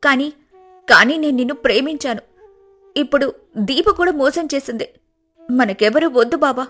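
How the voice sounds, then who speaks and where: A tearful, desperate young wife begs her husband in a cartoon storybook, as a woman acts her out. Her voice is high and pleading. Faint music plays behind her. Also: moderate pace, a bit bright.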